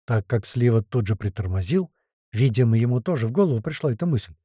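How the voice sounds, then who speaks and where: A man narrating an audiobook in the first person, with lively, slangy storytelling. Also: medium pitch, fast talker, husky, no room sound, studio quality.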